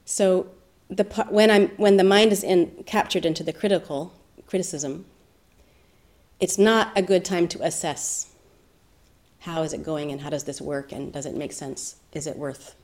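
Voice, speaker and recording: Soft-spoken woman teaching meditation. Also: on the low side, moderate pace. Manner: soft-spoken, thoughtful, with gentle laughs. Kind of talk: reflective dharma talk.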